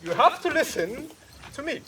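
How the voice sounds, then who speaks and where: Witty court fool, man, high voice, lively swooping pitch, rhyming quips, faint outdoor noise. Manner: quick, teasing, rhyming quips. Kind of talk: stage play acting. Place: outdoors on a farm. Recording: outdoor stage recording with light noise.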